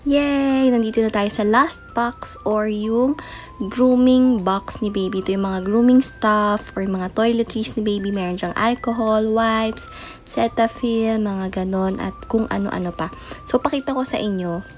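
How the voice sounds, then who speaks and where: Over faint background music, a young woman shows off baby items in a chatty voice-over, slipping English words into her speech. This mom vlogger has a medium-pitched voice, a measured pace, and a soft late-night tone.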